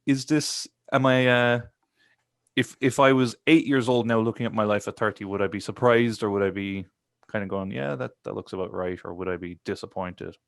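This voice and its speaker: Guy around thirty, lowish voice, rambling podcast chat, super dry sound. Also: fairly even intonation, moderate pace, gravelly, dry recording. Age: 30s. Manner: rambling, reflective, many fillers and restarts. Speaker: podcast co-host. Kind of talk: casual chat.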